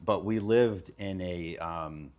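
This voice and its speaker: Deep-voiced man in his fifties. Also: slow. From Lebanon. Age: 50s. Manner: relaxed, candid, talks with casual slang. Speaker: guest, kitchen design business owner. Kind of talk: casual storytelling.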